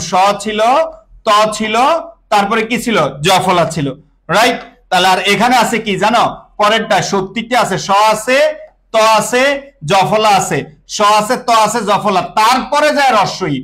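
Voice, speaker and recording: A man's voice: sits high, moderate pace, a bit bright. A young Bangladeshi man teaching an online class, drilling pronunciation and asking and answering his own questions, with English words mixed into his speech.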